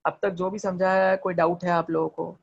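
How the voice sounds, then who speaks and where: A man teaching chemistry in an online class, talking fast, quizzing students with repeated questions and mixing English terms into Hindi. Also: sits high, flat delivery, creaky, highs cut off. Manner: talks fast. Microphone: video call.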